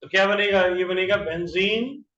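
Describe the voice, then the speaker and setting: Quizzing pupils by name, a chemistry teacher slowly drills every compound name during his lecture. He has a sharp tone that sits high, recorded in dull, distant, roomy classroom lo-fi.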